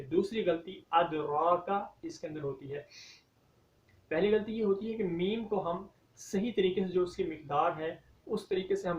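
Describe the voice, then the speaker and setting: A man teaching Quran recitation, explaining common mistakes and reciting verses slowly and drawn out. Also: on the high side. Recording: dull, echoey, from a distance.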